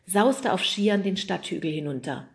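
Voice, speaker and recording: A woman narrating a children's audiobook in a lively storytelling manner. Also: on the low side, normal speed, creaky. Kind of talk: scripted narration.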